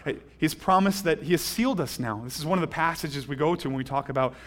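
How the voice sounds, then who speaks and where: A man preaching a sermon as a pastor, animated and acting out quoted voices. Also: a little high, fast.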